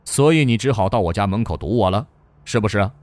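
A man voicing a stern, sarcastic male provincial governor who scolds in a sharp tone. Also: on the low side, lively intonation, brisk, no room sound, pitched below the performer's own voice, close to an everyday voice. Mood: scolding.

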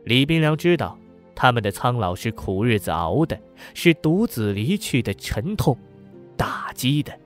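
Male narrator, measured and somber, mid-pitched, over faint music. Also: big pitch swings. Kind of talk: audiobook narration.

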